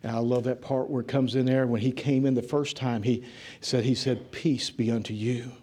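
A man preaching a sermon, swinging from loud, fervent preaching to hushed, near-whispered passages. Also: medium pitch, little pitch movement, fairly quick. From rural area. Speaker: pastor.

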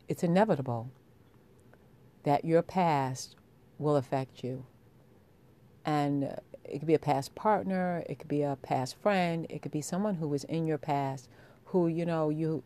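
A woman's voice: sits low, a little mellow. A woman with a sultry voice hosting a podcast, speaking intimately and directly to her listeners. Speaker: podcast host.

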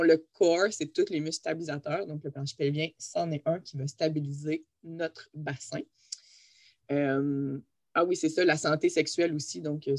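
A woman's voice: fairly low pitch, a little mellow, dry recording, clean studio sound. A woman with a Quebec French accent, a physiotherapist co-hosting a podcast, explaining anatomy in a chatty way and laughing easily. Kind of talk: casual explanatory podcast chat.

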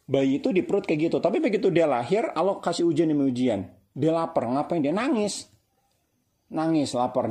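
A man's voice: on the high side, dark tone. A middle-aged man giving a casual religious talk, conversational and repetitive, asking rhetorical questions. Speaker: Islamic preacher.

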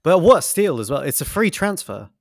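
A man's voice: on the high side, big pitch swings, fairly quick, gravelly, no echo. Man talking football with dry close sound. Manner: enthusiastic, rambling analysis. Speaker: podcast co-host. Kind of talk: casual football podcast chat.

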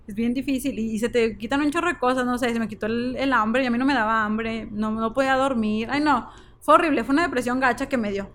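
A woman's voice: fairly high pitch, fast, a bit bright, a little hiss or hum. A woman with a Mexican accent, a podcast guest talking candidly and emphatically in slangy casual speech. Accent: Mexican Spanish.

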